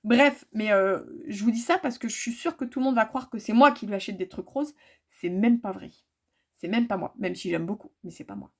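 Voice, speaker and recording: A woman's voice: medium pitch, brisk. A woman chatting casually to her viewers about her cross-stitch projects, full of fillers and repeated words.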